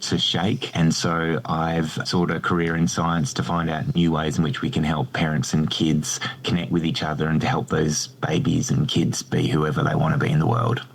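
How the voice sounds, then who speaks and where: A man's voice: rumbling low, little pitch movement, moderate pace, vocal fry, hardly any pauses, breathy edge. An Australian man being interviewed on a podcast, explaining his work with enthusiasm and self-deprecating humour. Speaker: guest researcher.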